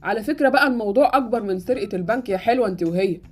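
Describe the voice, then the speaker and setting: A woman's voice: medium pitch, lively intonation, very fast, a little mellow, slightly rough, faint music behind, pitched below the performer's own voice. A woman voicing a bossy, scheming young brother in a Roblox series, with an Egyptian accent. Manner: mocking, bossy.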